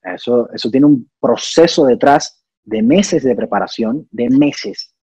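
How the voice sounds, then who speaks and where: This young Cuban man, who acts and sings, speaks a little slowly in a medium-pitched voice with a dark tone and a breathy edge. He explains his ideas thoughtfully in an informal interview, with many restarts and fillers. The recording is dry, and the highs are cut off.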